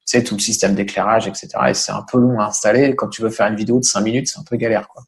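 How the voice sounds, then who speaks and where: A man with a low, gravelly voice speaks as a guest on a podcast. He talks in a relaxed, casual way and thinks aloud as he explains his work. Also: very fast. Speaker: podcast guest, online business owner. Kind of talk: casual interview chat.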